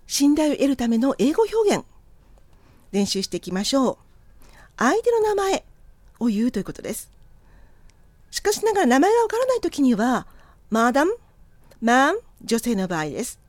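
A woman's voice: high-pitched, big pitch swings, no room sound. Polite woman teaching English. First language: Japanese. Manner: models English phrases slowly for learners to repeat; polite, encouraging teacher's Japanese. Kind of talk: lesson on polite English for customer service.

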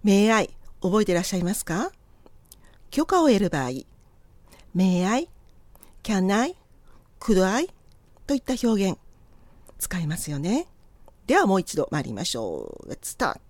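A Japanese-speaking woman teaching English pronunciation in a polite, encouraging manner, slowly modelling English phrases for learners to repeat. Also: lowish voice, wildly swooping pitch, darkish tone, no echo. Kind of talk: scripted lesson narration.

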